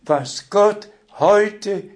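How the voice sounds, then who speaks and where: A man delivers a sermon in a high voice, pressing each point with grave emphasis. He speaks very slowly, with long pauses between short phrases. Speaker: preacher.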